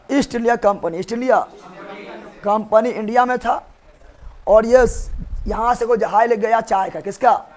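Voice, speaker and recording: A man with a Bihari accent teaching a live exam-prep history class, animated, often repeating questions and acting out quotes in rustic dialect. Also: sits high. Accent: Bihari Hindi.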